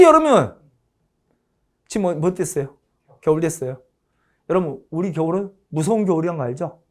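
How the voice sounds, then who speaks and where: A woman's voice: mid-range voice, darkish tone. A woman giving an exam-prep history lecture, asking her class questions and answering them herself, repeating points for emphasis.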